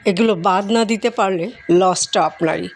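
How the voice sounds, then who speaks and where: A woman's voice: mid-range voice, moderate pace. A woman vlogger giving motivational advice straight to viewers in short, direct instructions, talking as she eats with her mouth sometimes full. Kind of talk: motivational monologue addressed to viewers.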